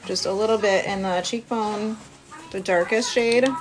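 A woman in her thirties, a beauty vlogger, talks through a casual makeup tutorial while working, in a chatty, informal style. She speaks unhurriedly in a steady, mid-range voice, recorded roughly on a phone at arm's length in a small cabin room by a window, with background music.

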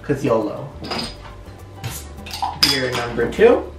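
A man's voice: medium pitch, expressive, takes it slowly, creaky. A young man chatting casually and joking through a home cooking vlog in his kitchen. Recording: echoey kitchen, distant mic, faint music.

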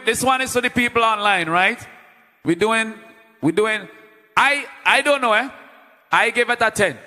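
A man with a Vincentian accent hosting a live stream as DJ. He talks loudly and playfully, chanting call-outs to the audience. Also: sits high, in a large hall. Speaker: livestream host and DJ.

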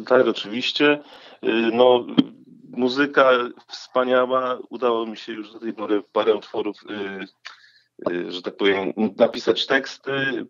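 A man interviewed by phone as a songwriting guest, answering haltingly with filler sounds. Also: lowish voice. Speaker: lyricist guest. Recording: dull phone line.

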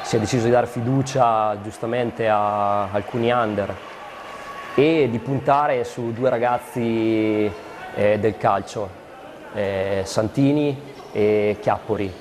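A man in his thirties from Fano, a futsal player guest answering in a halting way with many fillers, recorded in a TV studio. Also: lowish voice, steady tone. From Fano, Italy. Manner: halting, lots of fillers and repeated yeses. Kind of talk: studio interview. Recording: studio with long reverb, faint noise.

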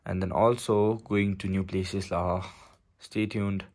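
A man's voice: sits low, level tone, takes it slowly, a little mellow. A young man with a Bhutanese accent chats casually and playfully to a vlog camera, slipping between languages and slang. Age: young adult. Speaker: vlogger. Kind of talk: casual vlog chat mixing two languages.

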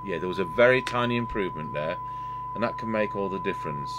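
Hum and radio hiss fill this noisy workbench recording, where a man talks fast in a medium-pitched voice whose pitch swoops wildly. He's a radio repair technician and host, thinking aloud unscripted while fixing something indoors at his electronics bench.

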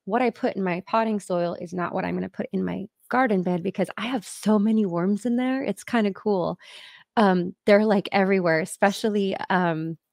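A woman's voice: mid-range voice, no echo, studio quality. A woman hosting a casual podcast chat on a video call from home, rambling along with lots of fillers. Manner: chatty and rambling, many fillers. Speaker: podcast host.

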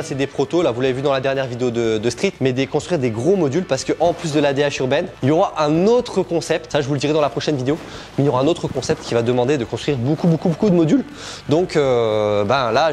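A man in his thirties, hoarse from a cold, chatting casually and animatedly to camera as he shows viewers around. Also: on the high side, a little hiss or hum. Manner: animated, informal, gesturing as he shows things around. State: hoarse from being sick. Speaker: bike stunt vlogger and event organiser. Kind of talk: casual vlog chat to camera. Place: large garage-like warehouse unit, indoors.

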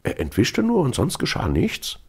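A skittish, dusty tramp speaks in a raised, wavering voice, as a man puts him on, gravelly underneath. He answers timidly and keeps startling at each question in this storybook reading. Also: mid-range voice, wildly swooping pitch, normal speed, darkish tone, pitched above the performer's own voice, heavily acted. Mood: anxious. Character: nervous shabby tramp man, anxious and evasive.

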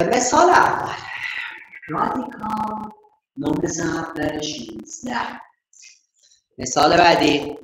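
Playful man teaching math in an echoey room. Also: high-pitched. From Iran. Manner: playful, affectionate, talks to students as dear ones. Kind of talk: online class lesson.

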